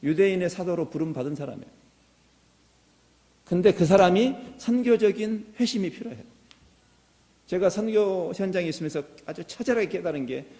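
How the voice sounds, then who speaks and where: With a high, warm voice, a middle-aged male pastor gives a sermon that starts earnest and swells into impassioned exhortation. He is in a church sanctuary, and the sound reverberates around the hall.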